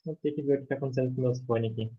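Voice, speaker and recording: A man's voice: mid-range voice, fairly even intonation, very fast, a crowd in the background. A male student answering hesitantly in an online class, his voice coming over a weak call connection that cuts out. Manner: hesitant, thinking aloud. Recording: muffled call line with faint noise.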